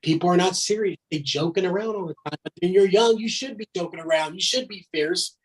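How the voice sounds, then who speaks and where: Husky, blunt-talking man in his thirties. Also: high-pitched, fairly quick, poor audio. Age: 30s. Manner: blunt, emphatic, swears, keeps saying "man". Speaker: guest. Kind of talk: casual podcast chat.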